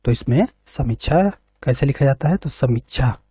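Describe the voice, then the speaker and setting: A man's voice: medium pitch, moderate pace, dark tone, slightly rough, no room sound. A man teaching an exam preparation lesson, reading each question and its options, then explaining the answer step by step and repeating points back.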